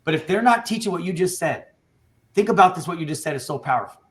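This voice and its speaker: Man, podcast host, rapid delivery, slightly high voice, passionate, emphatic, interrupts. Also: expressive. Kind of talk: casual panel discussion.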